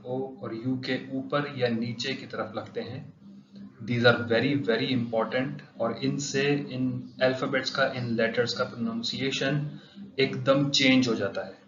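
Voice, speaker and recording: A man's voice: medium pitch, background noise. A man teaching pronunciation, saying each example word twice for drilling. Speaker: language teacher. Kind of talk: pronunciation lesson. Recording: roomy, dull lo-fi sound.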